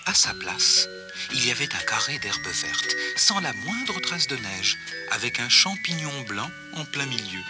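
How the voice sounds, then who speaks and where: A man reading a children's story aloud with expressive narration. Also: medium pitch, unhurried, loud music behind the voice. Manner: expressive, gently paced narration.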